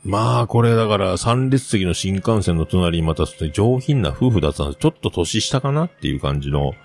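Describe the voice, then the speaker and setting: A man's voice: low-pitched, expressive, a little fast, vocal fry, slight background noise. A man in his forties, a podcast host rambling through a funny travel anecdote with lots of fillers. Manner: rambling, self-amused anecdote with many fillers. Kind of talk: casual storytelling monologue.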